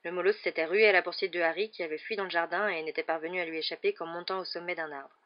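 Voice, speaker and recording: Steady audiobook narrator, lo-fi. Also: medium pitch, fast talker. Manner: steady storytelling read. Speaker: audiobook reader. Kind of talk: scripted narration. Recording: dull lo-fi recording.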